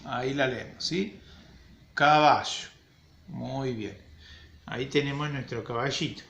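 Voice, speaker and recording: A man's voice: medium pitch, normal speed, gravelly, slight background noise. A man teaching young children their letters, with a patient, playful way of checking in with them. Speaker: primary school teacher. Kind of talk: children's phonics lesson at a board.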